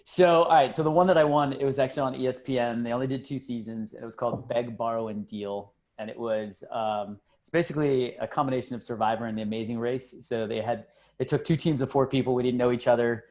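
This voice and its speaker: A man on a video call, telling a story to the panel in a joking, animated way. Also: mid-range voice, fast talker. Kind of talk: casual panel chat, storytelling.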